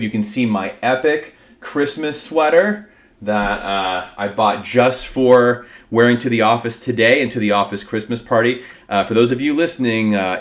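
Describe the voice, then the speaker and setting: A man with a fairly low voice hosts a solo podcast. He talks informally and with upbeat energy, as if chatting straight to his listeners. His voice carries the sound of a cold. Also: fairly bright tone. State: sick with a cold, voice affected. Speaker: podcast host. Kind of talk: casual solo podcast talk.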